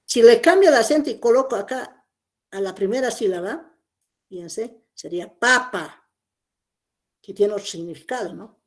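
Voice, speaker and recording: Lecturing on phonetics, a woman teacher explains the material, goes over key points again and again, and keeps asking "¿no?" to check understanding. She speaks at a moderate pace in a warm, animated, mid-range voice.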